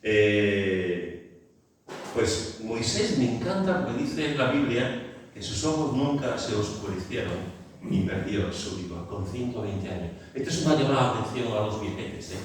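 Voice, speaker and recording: A man preaching a sermon in an Andalusian Spanish accent, animated, asking rhetorical questions and repeating phrases for emphasis. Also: fairly low pitch, a little slow, a little hiss or hum. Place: large church hall. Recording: echoey hall, mic at a distance.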